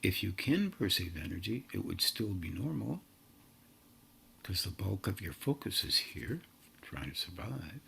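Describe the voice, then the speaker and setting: Male spiritual teacher, unhurried and halting, gravelly husky tone. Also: sits low, very animated, fairly bright tone, slight background noise. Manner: slow, halting, drawn-out phrases. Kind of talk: meditative spiritual talk.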